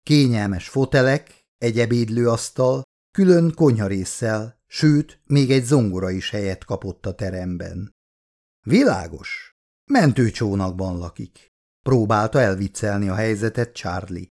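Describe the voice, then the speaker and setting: A man narrating an audiobook in a steady, measured storytelling manner. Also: fairly low pitch. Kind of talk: scripted narration.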